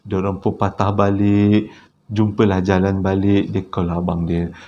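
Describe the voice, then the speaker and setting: A man with a Malaysian Malay accent telling a horror story in a conversational way, with tag questions and hushed tense moments. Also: deep voice, monotone, measured pace, lo-fi sound, slight background noise.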